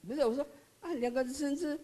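An older woman with a Taiwanese Mandarin accent, telling her personal story in a halting, earnest way, full of tag particles. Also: high voice, warm tone. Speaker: member sharing her experience. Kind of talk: personal testimony.

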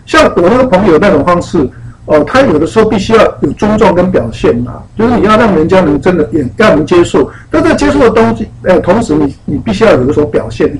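A lecturer on spiritual teachings gives a casual, animated talk full of anecdotes, acting out the voices of people in his stories. He has a high voice, and the recording is rough.

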